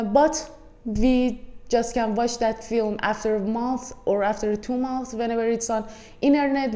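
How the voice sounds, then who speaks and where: Speaking in an echoey room, an Iranian woman with an Iranian accent delivers a casual, blunt and frank movie review, talking to viewers like friends. Her voice is on the high side with a dark tone.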